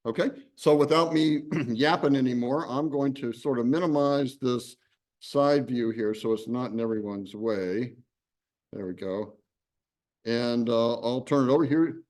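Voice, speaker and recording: A man's voice: medium pitch, measured pace, a little mellow. Rambling man hosting a meeting. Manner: rambling, full of fillers and restarts. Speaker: program director and host. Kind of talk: informal meeting introduction. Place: university classroom.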